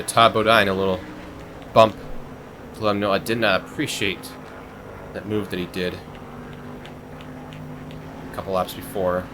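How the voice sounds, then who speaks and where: A young man hosting a gaming channel, giving casual, chatty gameplay commentary that rambles with fillers and turns excitable. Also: fairly low pitch, slight background noise, rough recording. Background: game music.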